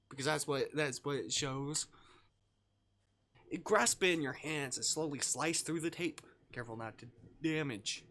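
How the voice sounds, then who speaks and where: A man reads a visual novel aloud during a live stream, his mid-range voice a bit bright. He breaks away for casual, jokey asides, swearing and reacting to what happens in the story.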